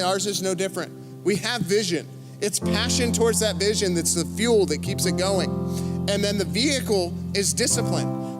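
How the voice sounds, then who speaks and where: High-voiced energetic youth pastor preaching. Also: male voice. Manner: energetic, joking asides to the crowd. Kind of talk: youth sermon. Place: church service.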